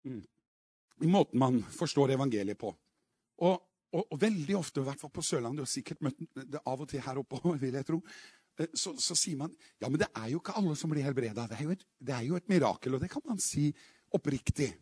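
A man's voice: mid-range voice, expressive, breathy edge, no room sound, clean studio sound. A middle-aged man from Norway, preaching a charismatic revival sermon and calling out hallelujahs. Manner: shouting hallelujahs, rising to exclamations.

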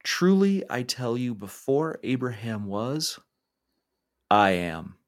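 A man reading scripture aloud and voicing Jesus as a calm, authoritative teacher in a solemn, measured way. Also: medium pitch.

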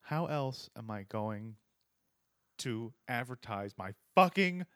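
This podcast host has a medium-pitched voice and takes his time, yet he stays animated, joking and cursing freely in a casual chat. There's no echo on the audio.

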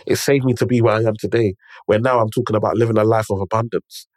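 A man's voice: fairly low pitch, steady tone, fast, darkish tone, no room sound, studio quality. A man with an urban London roadman accent tells stories and gives motivational advice in an emphatic, conversational way, repeating phrases and checking in with the listener. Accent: London, urban multicultural slang.

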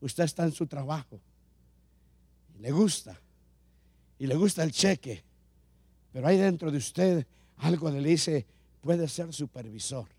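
A man's voice: on the high side, lively intonation, a little slow, creaky, pauses often, a little mellow, husky, dry recording. Male pastor, sermon delivery with repeated emphatic phrases; dry, close recording. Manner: preaching with repetition and rising emphasis.

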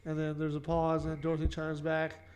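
Casual man recapping with flat intonation. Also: fairly high pitch, normal speed. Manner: summarizes plot with many fillers and "kinda". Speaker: podcast host recapping a sitcom episode. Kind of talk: casual chat.

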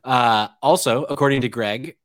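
Male co-host, middle pitch, wry trivia reader, dry close sound. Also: moderate pace, a bit bright, no room sound. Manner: wry, rambling with fillers. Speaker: podcast co-host. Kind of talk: casual comedic trivia chat.

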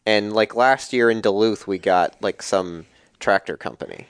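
A man with a lowish voice co-hosts a casual sports podcast at a normal speed, with no room sound. He rambles and cracks jokes, frequently restarting his sentences.

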